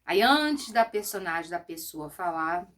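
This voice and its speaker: A woman's voice: on the low side, expressive, a little slow, fairly bright tone. A middle-aged woman schoolteacher giving a recorded Portuguese lesson, explaining patiently step by step and often checking with short questions.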